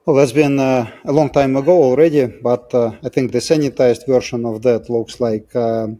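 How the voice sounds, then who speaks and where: A middle-aged man with a Russian accent, a physicist turned biotech scientist, explains things as an interview guest in a reflective, discursive way. His voice is medium-pitched and mellow, with a steady tone and normal speed.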